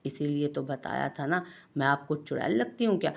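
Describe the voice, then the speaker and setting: A woman's voice: sits low, normal speed, lightly acted. A woman with an Urdu accent voicing a young bride who pouts and sulks in mock anger at her husband. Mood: mock-angry. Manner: mock-angry, pouting. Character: young bride, sulky and quick to pout.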